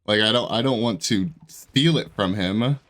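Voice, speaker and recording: A young gaming YouTuber with a lowish, fairly bright voice talks at a normal speed, sounding stuffy and congested with a sore throat. He chats casually while playing and commenting on a game, rambling, cutting himself off to restart sentences, and laughing often.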